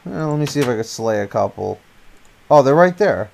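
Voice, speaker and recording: Gravelly man reacting to his gameplay. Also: mid-range voice, brisk, a little hiss or hum. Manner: excitable, swearing, exclaims at the game. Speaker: gaming channel host. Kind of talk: casual gameplay commentary.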